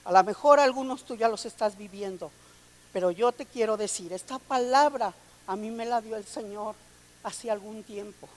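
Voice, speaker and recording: A woman's voice: mid-range voice, moderate pace. A woman preacher delivering a sermon, reading scripture aloud and calling her listeners brother and sister. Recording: long hall reverb.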